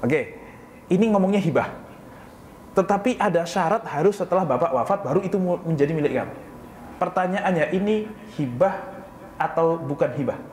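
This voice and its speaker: A man's voice: a little high, a little mellow, a little hiss or hum. Man preaching in an echoey prayer room. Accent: Indonesian, Jakarta. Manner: asks the audience questions and answers them himself; casual Jakarta colloquial speech. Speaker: Islamic preacher. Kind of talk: religious study talk.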